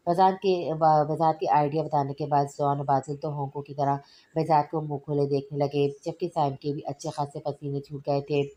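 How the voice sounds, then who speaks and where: A woman reading a romance novel aloud in a steady, even storytelling manner. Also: sits low, moderate pace, lo-fi sound. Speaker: audiobook narrator.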